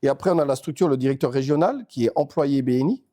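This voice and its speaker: Swiss guy rattling on fast in an interview, dark mellow voice, keeps restarting his sentences. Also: medium pitch, animated. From Switzerland. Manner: fast, talkative, many restarts and repeated words. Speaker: network organization regional leader. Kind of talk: casual interview talk.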